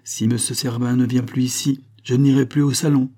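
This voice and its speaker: A man voicing a gentle but resolute young country girl in an audiobook, speaking softly and pleading, then firmly. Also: medium pitch, level tone, normal speed, slightly rough, pitched above the performer's own voice, natural voice. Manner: soft, pleading, then firm. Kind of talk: audiobook character reading.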